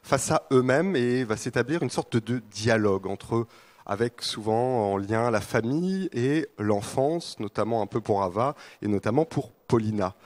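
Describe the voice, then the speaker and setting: A man's voice: medium pitch, expressive, moderate pace, a little mellow. A man moderating a panel discussion, speaking hesitantly with many fillers.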